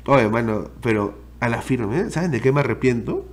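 A man's voice: mid-range voice, normal speed. A young man in his twenties with a Peruvian Spanish accent, a streamer telling a personal story to his viewers in slangy, profane casual talk. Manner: animated, slangy and profane, addresses viewers directly.

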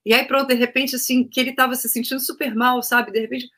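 Bright-voiced Brazilian woman telling stories. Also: high voice, fast. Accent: Brazilian Portuguese. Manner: lively anecdotal telling, acting out quoted voices. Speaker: guest singer, opera-trained. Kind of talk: casual interview storytelling.

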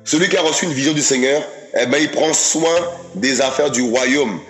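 A man's voice: medium pitch, normal speed, a bit bright, faint music behind. A man preaching a sermon, emphatic, repeating his phrases and often calling out to his listeners as friends. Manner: addresses audience as "mes amis".

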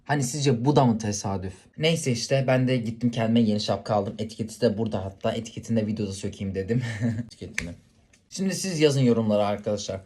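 A man's voice: fairly low pitch, fast talker, mellow, a little hiss or hum. A man vlogging, telling a story casually to the camera and talking straight to his viewers. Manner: chatty, addresses viewers directly.

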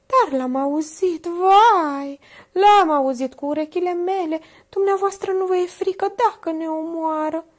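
A woman voicing a panicky, talkative, easily frightened woman who exclaims in a shrill, breathless way.

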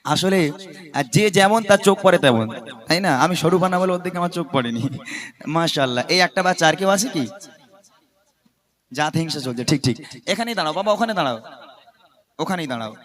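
A man, a devotional song singer, bantering playfully with children from a stage at a mosque gathering, teasing and joking as he gives quick commands. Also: on the high side, lively intonation, a bit bright. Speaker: gojol singer performing on stage.

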